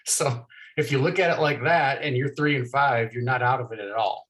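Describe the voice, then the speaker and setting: A man co-hosting a casual fantasy football podcast, rattling off division standings and records in quick bursts. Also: mid-range voice, a bit bright, low-quality recording. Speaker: fantasy football league co-host.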